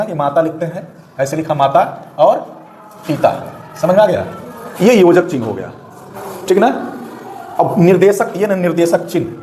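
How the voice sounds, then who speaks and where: A man teaching a grammar lesson in a fairly high voice, patiently explaining and pausing to ask whether his students follow. He is heard in an echoey room with a faint hiss of noise behind him. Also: a little mellow. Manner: explanatory, repeatedly checks understanding with "ठीक ना".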